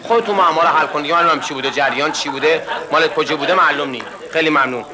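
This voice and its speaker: A man telling jokes as a stand-up comedian, thanking the audience quickly between jokes and acting out characters with sudden jumps in pitch. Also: a crowd in the background. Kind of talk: stand-up joke telling with put-on voices.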